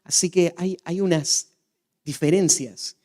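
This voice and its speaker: A man preaching a sermon in an earnest teaching tone, dropping to hushed lines and rising to emphatic ones, often repeating words as he thinks aloud. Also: fairly high pitch, steady tone, unhurried. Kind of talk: expository sermon.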